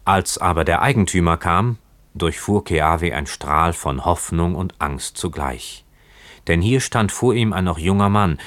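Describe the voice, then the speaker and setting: A man narrating a story as an audiobook, in a measured and dramatic manner. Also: low voice, a bit bright, dry recording. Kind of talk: audiobook reading.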